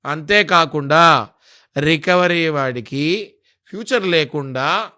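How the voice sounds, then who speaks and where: High, bright-voiced man lecturing emphatically. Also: slow pace. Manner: emphatic, lecturing, lists legal sections. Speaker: interview guest explaining legal rights. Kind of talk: interview explanation.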